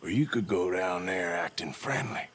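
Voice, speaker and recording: An actor playing a rugged, wry American outlaw in a Western game, with a gravelly, dry drawl. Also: male voice, low-pitched, lively intonation, moderate pace, a bit bright, exaggerated voice. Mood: calculating. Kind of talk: video game voice acting.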